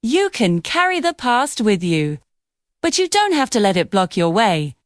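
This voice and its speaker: A woman narrating a reflective story in a slow, soothing manner. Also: fairly high pitch, very animated, no echo, studio quality.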